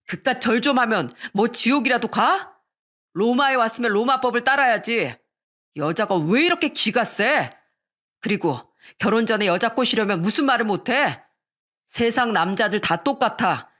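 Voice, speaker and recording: A woman's voice: fairly high pitch, fairly bright tone. A woman voicing a defensive young husband who talks down to his wife, in a radio story reading. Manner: dismissive, slow.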